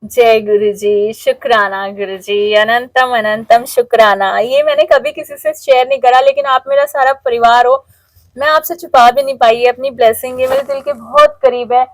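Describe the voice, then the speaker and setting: Middle-aged woman, high voice, dry close sound, heartfelt devotional testimony, emotional storyteller. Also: lively intonation, fairly quick, no room sound. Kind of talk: emotional spoken testimony to a congregation.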